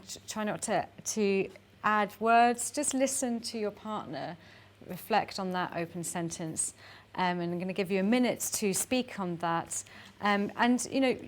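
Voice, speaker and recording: A woman's voice: medium pitch, unhurried, few pauses. A woman leading a workshop, giving chatty, encouraging instructions for a group exercise and laughing between them. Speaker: workshop facilitator.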